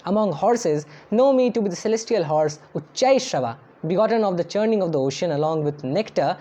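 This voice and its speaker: औरत की धीमी आवाज़, श्लोक गा-गाकर पढ़ती है फिर अर्थ समझाती है, दबी सी lo-fi recording. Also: female voice, on the low side, animated, very slow, mellow. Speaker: scripture reciter and translator. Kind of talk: chanted verse recitation with read translation. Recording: dull lo-fi recording over faint instrumental music.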